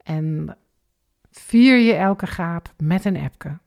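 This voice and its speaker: A woman leads a guided relaxation exercise, talking the listener through each movement and breath. She speaks at a very unhurried pace, and her voice carries a noticeable vocal fry. Her delivery is calm and methodical, counting out the breaths. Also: on the low side. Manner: slow, calm step-by-step guidance with counted breaths.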